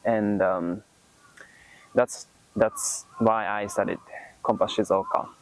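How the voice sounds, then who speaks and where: A man's voice: fairly low pitch, fairly even intonation, slow pace, no echo, rough recording. A man in his twenties with a Japanese accent, a university student answering interview questions in English, his second language, with frequent "like" and "um". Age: 20s. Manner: hesitant, many fillers like "like" and "um".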